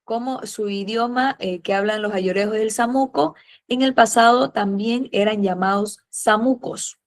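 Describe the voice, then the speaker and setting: A woman teaching a history class, patiently calling on students and filling pauses with "eh" and "a ver". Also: on the high side. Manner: patient, fills pauses with "eh" and "a ver", uses diminutives. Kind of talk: classroom lesson, questioning students.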